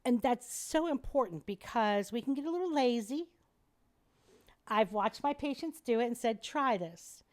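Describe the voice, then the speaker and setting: A slightly high-voiced middle-aged woman, speaking at a moderate pace, is interviewed on a podcast as an airway specialist. Her explanations and demonstrations come across as lively and teacherly.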